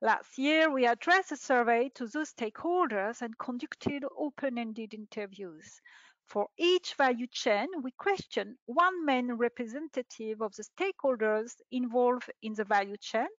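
A middle-aged woman, a researcher, reading a prepared presentation in a measured, formal way over a video call. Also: a little high, no echo. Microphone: video call webcam. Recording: dull lo-fi webinar audio.

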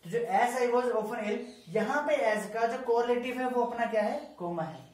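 A man teaching grammar, talking slowly and deliberately, dictating example sentences word by word and often checking that the class follows. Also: very high voice. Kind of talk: explaining grammar in a lesson. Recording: echoey room, far from the mic, faint ambient noise.

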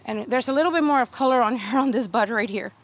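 In her thirties, a garden video host gives a casual outdoor tour of her home garden. She talks fast in a voice on the high side, chatty and full of fillers and restarts.

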